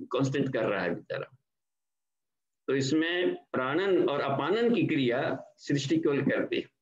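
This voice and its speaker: An older man from India, giving a slow, explanatory devotional lecture as a spiritual trainer and slipping English words into his talk. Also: medium pitch. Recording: dull, echoey online class audio.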